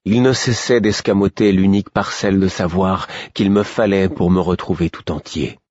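Deep, husky male audiobook narrator. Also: fairly even intonation, moderate pace, darkish tone, dry recording, lo-fi sound. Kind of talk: first-person audiobook narration.

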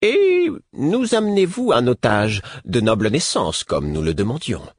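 A man's voice: medium pitch, wildly swooping pitch, unhurried, slightly rough, dry recording, voice pushed up, full character voice. A man voicing a guarded, wary woman envoy of a hunted clan in a storybook reading.

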